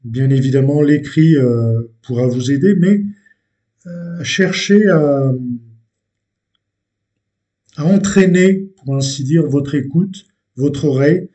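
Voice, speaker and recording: A man teaching a language lesson, explaining step by step in a deliberate way with frequent hesitations and repeated words. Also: on the high side, warm tone, highs cut off.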